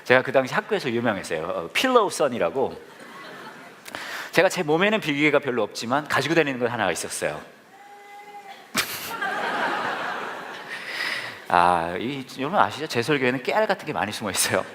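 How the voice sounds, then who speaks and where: A man's voice: medium pitch, wildly swooping pitch, moderate pace, long pauses, sharp tone, slight background noise. A male pastor preaching a sermon to a live congregation, telling jokey, self-deprecating stories. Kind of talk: humorous storytelling sermon. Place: church service with live congregation.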